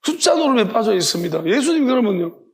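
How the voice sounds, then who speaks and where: A man's voice: high-pitched, very animated, quick pace, breathy edge. A male pastor, preaching an evening sermon with emphatic rhetorical questions. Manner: emphatic, rhetorical questions, acts out imagined voices.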